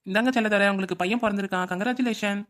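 Woman voicing a no-nonsense cartoon doctor lady, mid pitch, rattles it off super fast. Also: steady tone, fairly bright tone, close to an everyday voice. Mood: reassuring. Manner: blunt and forgetful, rapid. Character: matter-of-fact woman doctor.

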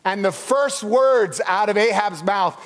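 A man preaching a sermon as a pastor, telling the story in an animated way and acting out the people in it. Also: high voice, measured pace. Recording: long hall reverb.

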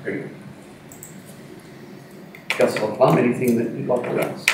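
A man serving as mayor, chairing a council meeting in a measured way and moving through the agenda. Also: medium pitch, steady tone. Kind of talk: formal meeting discussion. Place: large council chamber. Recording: echoey chamber, distant mic, noisy.

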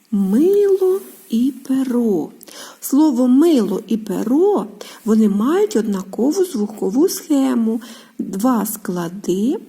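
A woman teaching small children to break words into sounds and syllables, in a patient, sing-song manner with soft, partly whispered speech. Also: fairly high pitch, slightly rough. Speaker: preschool teacher.

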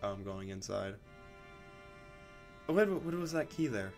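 A man's voice: on the low side, animated, unhurried, darkish tone, soft background music. Rambling man narrating a game. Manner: rambling, restarts, reacts aloud to the game. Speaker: gamer. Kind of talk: let's play commentary.

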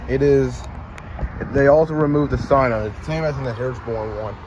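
Rambling man filming outside, loud traffic. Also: medium pitch, brisk. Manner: rambling, repeats words while searching for them. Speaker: vlogger exploring abandoned buildings. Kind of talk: casual handheld walkthrough narration. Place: outdoors on a city street beside an empty restaurant building. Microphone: handheld phone camera. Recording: loud traffic noise outdoors. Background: passing cars and street ambience.

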